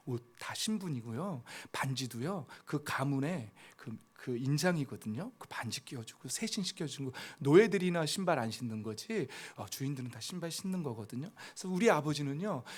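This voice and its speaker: A middle-aged male pastor preaching a sermon, moving between soft conversational asides and loud, rising exhortation, with frequent fillers. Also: medium pitch, husky. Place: church worship hall.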